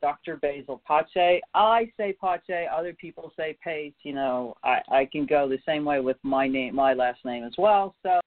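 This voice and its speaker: A man hosting a call-in radio show in a chatty, upbeat way, pausing with ums and restarting phrases. His voice sits a bit high for a man. It comes through a tinny, dry phone line. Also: animated, dry recording. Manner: chatty, filler-heavy, upbeat.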